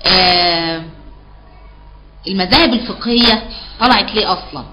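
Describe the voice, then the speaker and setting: A woman's voice: mid-range voice, normal speed, sharp tone, rough recording. A woman with an Egyptian accent teaching a live online Quran recitation class, patiently explaining and repeating key terms back as questions. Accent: Egyptian Arabic.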